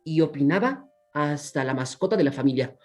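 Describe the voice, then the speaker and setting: Playful, expressive Mexican storyteller man. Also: a little high, a little fast, soft background music. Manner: playful, expressive, talks to the audience. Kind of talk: oral storytelling for children.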